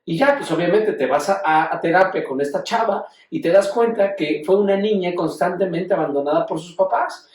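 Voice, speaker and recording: A man's voice: high-pitched, moderate pace, darkish tone, roomy sound, recorded from a distance, slight background noise, low-quality recording. A man with a Mexican accent giving a casual lecture, full of profane slang and acting out quoted speech. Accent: Mexican Spanish. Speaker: teacher.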